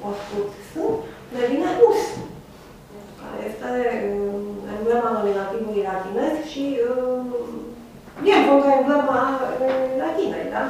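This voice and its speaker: A woman's voice: medium pitch, darkish tone. Hesitant woman lecturing in an echoey room. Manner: hesitant, many filler sounds. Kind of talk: university lecture. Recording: echoey room, far from mic, faint noise.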